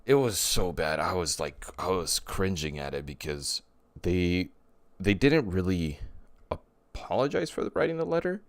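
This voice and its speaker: A man's voice: low voice, very animated, normal speed, no room sound. A man co-hosting a casual chat podcast, rambling and often restarting his sentences. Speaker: podcast co-host.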